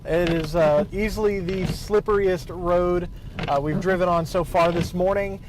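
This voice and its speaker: A man giving a live road report from inside a moving car, speaking haltingly with many fillers while driving. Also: high-pitched, steady tone, noisy background. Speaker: field meteorologist reporting from car.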